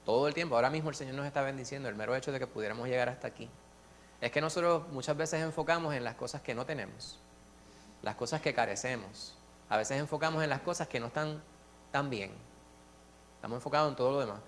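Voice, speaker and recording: A man sharing at a church Bible study, earnest and lively, telling stories with many restarts and asides. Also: mid-range voice, fast, a little hiss or hum. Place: church classroom.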